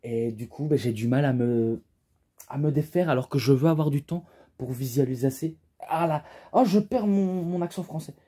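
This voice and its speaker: A man's voice: on the high side, moderate pace, dark tone, slightly rough. A young man, casually reviewing a wrestling DVD in a rambling way, full of fillers and restarts.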